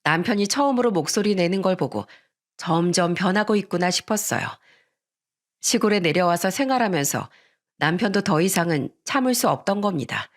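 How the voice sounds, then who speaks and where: A woman's voice: on the low side, animated, moderate pace. A woman narrating a first-person family story in a plain, indignant storytelling manner.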